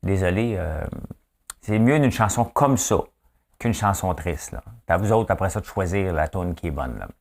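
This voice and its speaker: With a low, gravelly, slightly mellow voice, a man in his fifties hosts a chatty news program in a folksy style, speaking expressively at a moderate pace. His Quebec French accent comes through as he keeps asking listeners questions, often with "hein?".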